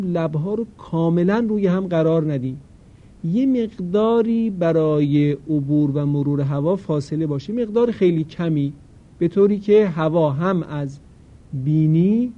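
Man, recitation teacher, fairly high voice, plain explanations, slow drawn-out chanted examples, dull lo-fi recording. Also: mellow. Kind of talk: recorded tajweed lesson.

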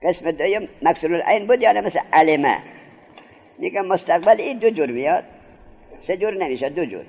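A male teacher with a high, gravelly voice gives a classroom grammar lesson. He fires questions at his listeners, answers them himself, and stretches out the key terms. The recording sounds dull and lo-fi. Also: animated. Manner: drawn-out, stressed key terms.

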